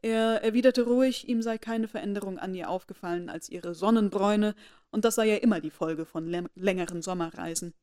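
A woman narrating a classic novel in a measured, expressive reading voice. Her pitch sits in an ordinary middle range for a woman. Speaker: audiobook narrator. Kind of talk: scripted narration.

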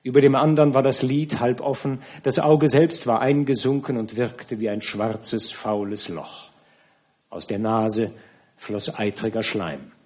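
A man reading a classic novel aloud as an audiobook narrator, measured and grave. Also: medium pitch, fairly even intonation, a little mellow.

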